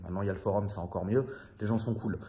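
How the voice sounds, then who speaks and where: This thirty-something Frenchman races through a casual monologue to camera, his fairly low voice dark and steady. As a vlogger he's loose and confiding with his viewers, rambling, slangy, swearing casually and leaning on fillers and repeats.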